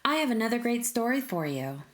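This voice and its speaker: A woman with a voice on the high side narrates a rhyming children's story, addressing young listeners directly in an expressive, deliberate manner.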